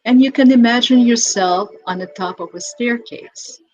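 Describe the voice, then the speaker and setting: A woman speaking as a hypnotist, guiding relaxation in a slow, soothing delivery with long pauses and drawn-out repeated words. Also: on the high side, muffled recording. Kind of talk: guided hypnosis relaxation script. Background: music.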